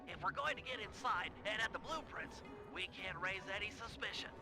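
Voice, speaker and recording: A brainy high-voiced turtle planner. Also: male voice, expressive. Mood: briefing. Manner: brisk, briefing plans. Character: nerdy young male turtle strategist. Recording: game audio with music behind.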